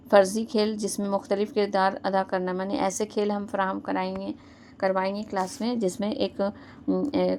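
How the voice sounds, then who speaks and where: A woman gives an exam-prep lecture in a gravelly, fairly flat voice. She keeps posing questions and answering them herself, tagging "hai na" onto her points. Faint noise sits behind her. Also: medium pitch. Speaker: teacher.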